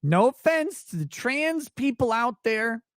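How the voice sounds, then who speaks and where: He's very animated yet keeps a measured pace, answering viewers' questions on his casual late-night livestream with sweary, blunt crudeness. His voice isn't deep, and the studio recording is clean, without room sound.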